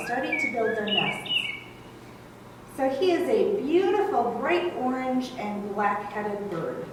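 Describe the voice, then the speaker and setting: A woman naturalist teaches children about nature, gently coaxing them along. Her voice sits high and swings in pitch. It echoes heavily in a room and sounds distant from the mic. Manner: gently coaxing, talks to kids as friends. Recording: very echoey room, mic far off, faint background hum.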